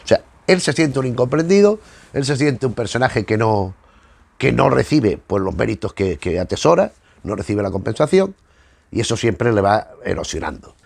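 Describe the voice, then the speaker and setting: A channel host casually reviews comic books while leafing through them, hesitating and often repeating words as he reaches for his next thought. His medium-pitched voice is creaky and husky, with a sing-song lilt at a normal speed. The recording is dry.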